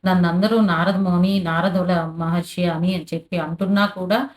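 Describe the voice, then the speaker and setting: A scheming middle-aged aunt who needles and complains to stir up a family quarrel, read out by a woman. The voice sits somewhat low, with no real change from a plain reading voice. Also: fairly even intonation, normal speed, natural voice. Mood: needling. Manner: taunting, complaining.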